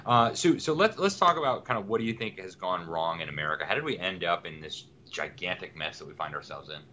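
A man hosting a talk show, talking briskly and upbeat to viewers, on dull lo-fi audio with a faint rumble. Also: expressive, sharp tone. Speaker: host.

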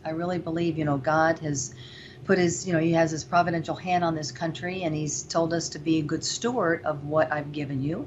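A woman's voice: deep voice, fairly even intonation, brisk, a little hiss or hum. A woman from Venezuela, a guest on an interview show, talking earnestly and reflectively, on dull lo-fi audio. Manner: earnest, faith-driven, reflective. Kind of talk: interview talk. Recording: dull lo-fi audio with faint ambience.

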